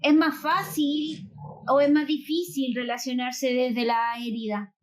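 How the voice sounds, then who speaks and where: High-voiced Chilean woman host. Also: steady tone, unhurried. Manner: reads viewer comments, asks questions. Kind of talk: live stream conversation.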